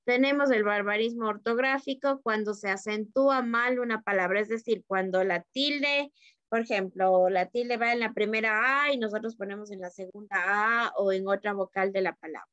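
A woman's voice: mid-range voice, moderate pace, a bit bright, no echo, muffled recording. A woman teacher giving an online literature lesson, explaining terms step by step and often checking in with her students. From Ecuador.

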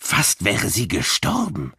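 A man voicing a spiteful, agitated young man, smug and excitable, bordering on hysteria. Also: medium pitch, normal speed, husky, dry recording, studio quality, exaggerated voice. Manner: bitter, self-satisfied, excitable.

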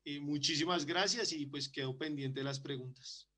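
A man presents his work at a conference and takes questions over a video call. His voice sits on the high side, pushed and bright, at a normal speed, and he often hesitates and repeats words.

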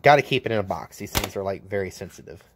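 A low-voiced American welder talks fast with lively intonation while casually demonstrating his tools at an outdoor work table. There is background noise, and he films one-handed with a handheld camera mic, joking bluntly throughout.

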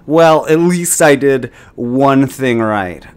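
A man talks through his own game as a channel host in a casual, rambling way. He second-guesses himself out loud, restarting sentences and chuckling. His voice sits at a middling pitch but rises and falls a lot. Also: lively intonation, takes it slowly, smooth. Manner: self-critical, thinking aloud. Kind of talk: casual gameplay commentary.

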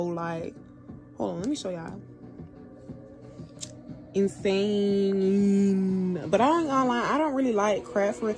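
A young woman vlogging, telling a story casually with lots of slang and swearing. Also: medium pitch. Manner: animated, profane, slangy storytelling.

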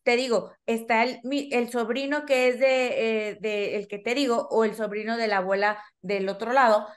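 Didactic woman, higher voice. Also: fairly even intonation, normal speed. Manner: didactic, asks listeners questions, acts out children's dialogue. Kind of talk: interview explaining to parents.

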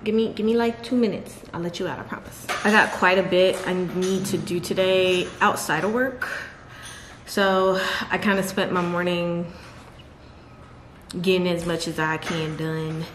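Fairly low in pitch, steady in tone and a little slow, a woman chats casually to camera for her vlog, laughing often and talking to her dogs. She's filming in a large bright living room at home on a camera set on a nearby table, and the room sounds echoey with clear background noise.

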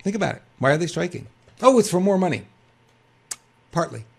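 Animated older man, lively rising voice. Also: high-pitched, fairly quick, vocal fry, breathy edge. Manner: animated, rhetorical questions, many restarts. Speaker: co-host of a political news talk show. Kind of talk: casual commentary and reading news aloud.

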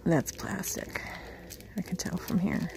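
Speaking a little slowly in a lowish, gravelly, darkish voice, a woman in her forties keeps her delivery expressive. She's a vintage reseller vlogger doing relaxed shop-with-me narration, murmuring prices under her breath in an antique mall and then her parked car, with a phone camera held at arm's length.

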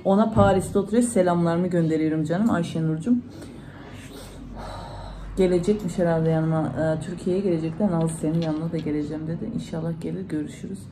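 A woman's voice: on the low side, fairly even intonation, fairly quick, mellow, slight background noise, low-quality recording. A woman vlogger, chatting casually to her followers at home and retelling conversations in reported speech. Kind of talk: casual vlog talk to followers.

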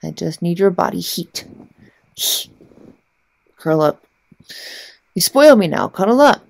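A woman voicing a haughty, secretly affectionate cat girl in a soft ASMR ASMR role-play, murmuring haltingly with breathy mouth sounds. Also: fairly low pitch, expressive, dry recording, exaggerated voice. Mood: grudgingly affectionate.

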